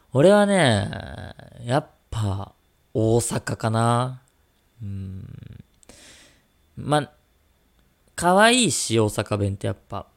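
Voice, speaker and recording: Lively, gravelly-voiced male podcast co-host. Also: fairly low pitch. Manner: teasing, joking banter. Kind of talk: casual radio-style chat.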